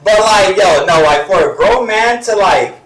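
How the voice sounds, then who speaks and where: A young adult man hosting a casual interview, loud and excitable, swearing a lot and throwing in "yo". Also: high voice, normal speed. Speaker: host. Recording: roomy, distant mic, faint noise.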